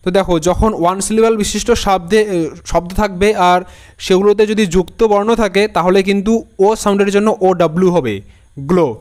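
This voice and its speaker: High, smooth-voiced patient spelling teacher. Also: male voice, steady tone, darkish tone. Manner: slow, patient, repeats each word several times. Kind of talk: Bengali-language spelling lesson.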